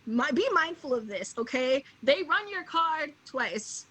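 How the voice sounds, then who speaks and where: A woman's voice: high-pitched, a little slow. A young adult woman from the United States, a podcast guest telling a casual story in frank slang and acting out the lines of the people in it. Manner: animated, acts out quoted dialogue, slangy and frank.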